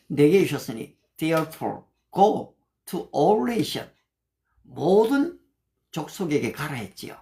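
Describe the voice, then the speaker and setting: Woman pastor from Gyeongsang, low voice, very animated intonation; livestream sermon, chatty, recites English verses slowly. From Gyeongsang, Korea. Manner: mixes slow, carefully recited English Bible verses into Korean; conversational and encouraging, often addressing listeners directly. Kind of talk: livestreamed sermon answering viewer comments.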